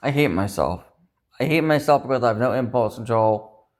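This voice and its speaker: A personal vlogger rambles to camera in a confessional way, upset and dejected, venting self-critical frustration and swearing often. His mid-range voice has lively intonation at a normal speed.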